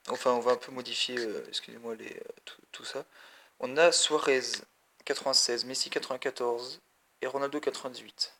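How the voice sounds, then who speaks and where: Male gaming vlogger, gravelly and bright, chatty and rambling, talks to camera. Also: mid-range voice, little pitch movement, brisk, slight background noise. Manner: rambling, chatty, addresses viewers directly. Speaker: mobile gaming video creator. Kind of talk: casual gameplay commentary.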